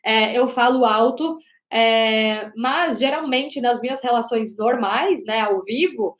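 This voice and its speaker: A woman teaching an online lesson on body language as a communication coach, talking loudly and emphatically and often checking in with the audience. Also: fairly high pitch, slow pace. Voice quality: loud, projecting voice. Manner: emphatic, with frequent "né?" and "gente". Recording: roomy echo.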